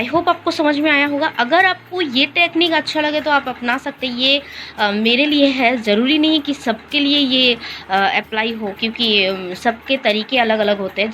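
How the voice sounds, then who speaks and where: A woman's voice: on the high side, a bit bright, a little hiss or hum. A young woman chatting casually in a study vlog, explaining her approach with lots of fillers and restarts. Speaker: vlogger.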